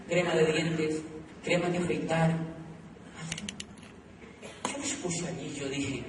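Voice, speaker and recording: A middle-aged man with a Colombian accent giving an animated motivational talk to an audience, telling his story with many repeated phrases. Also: fairly high pitch, noisy background. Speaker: motivational speaker. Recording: echoey hall recorded from far off.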